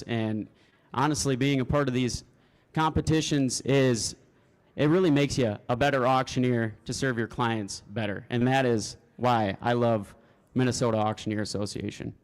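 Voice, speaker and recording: A man's voice: medium pitch, fairly even intonation, moderate pace. A man, an auctioneer contestant, giving spoken interview answers to a room. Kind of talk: spoken interview answers before a live audience.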